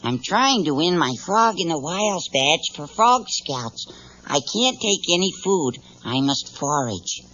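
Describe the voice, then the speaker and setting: A man's voice: fairly high pitch, sing-song, takes it slowly, sharp tone, heavily acted. A man voicing an earnest little boy frog in a children's read-along story. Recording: dull, noisy cassette tape.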